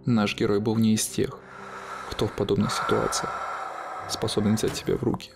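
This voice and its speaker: A man reading a scripted horror story in a measured, dramatic way. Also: lowish voice, little pitch movement, vocal fry, over music.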